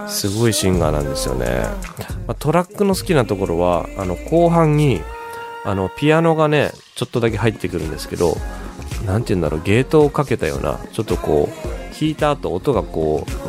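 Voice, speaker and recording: Chatty low-voiced man hosting music radio. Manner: chatty, enthusiastic, many fillers and pauses. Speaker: radio show host introducing songs. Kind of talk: casual music radio talk.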